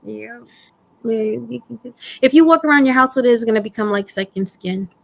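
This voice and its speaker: A woman's voice: a little high, brisk, gravelly. Chatty woman with a Brooklyn accent. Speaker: host of a live prepping stream. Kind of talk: casual livestream chat.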